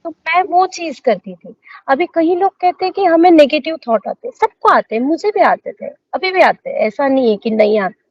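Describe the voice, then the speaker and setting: A woman's voice: high-pitched, expressive, normal speed, no echo, dull audio. A woman, a dentist, talking earnestly in casual chat about meditation, mixing in English phrases.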